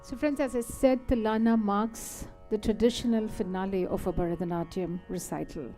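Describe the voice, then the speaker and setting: A woman with an Indian English accent hosting a dance recital on a stage mic, brisk and chatty. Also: medium pitch, steady tone, mellow, faint music behind. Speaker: compere. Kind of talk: event hosting. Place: hall stage.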